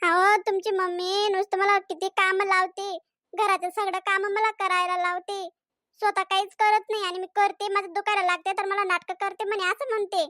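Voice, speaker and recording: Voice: very high-pitched, flat delivery, moderate pace, bright, forceful tone, no room sound. Someone doing a whiny cartoon mom, complaining to her husband, dry close sound. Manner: whining, complaining. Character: complaining, weepy young mother. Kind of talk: cartoon voice acting.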